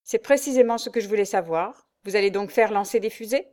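A woman voicing a calm, polite young male nobleman who answers evenly and courteously in a read-aloud story. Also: medium pitch, a little fast, close to an everyday voice. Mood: composed.

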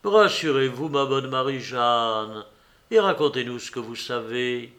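A man voicing a sincere young male reporter who speaks in measured, earnest sentences. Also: mid-range voice, expressive, fairly bright tone. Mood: kindly. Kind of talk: audiobook character reading.

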